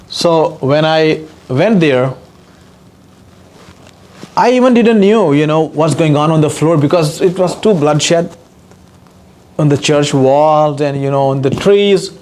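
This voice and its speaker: A Pakistani man with a fairly high, slightly mellow voice speaks slowly, leaving long pauses, as an activist guest speaker sharing an emotional personal testimony. He is earnest and impassioned, repeating points for emphasis, with slight noise in the background.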